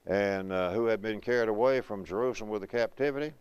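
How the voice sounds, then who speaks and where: A man teaching a Bible class at a preaching school, reading scripture slowly and then explaining it conversationally, asking his students questions. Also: fairly low pitch, clean tone, dry recording, poor audio. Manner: conversational, asks the class questions and answers them; reads verses slowly and deliberately.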